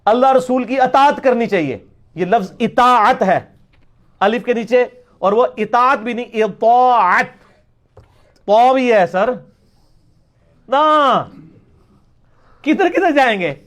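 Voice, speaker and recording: High-voiced emphatic man lecturing. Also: expressive. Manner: emphatic, repeats words to demonstrate pronunciation. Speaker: religious lecturer. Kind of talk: question-and-answer lecture.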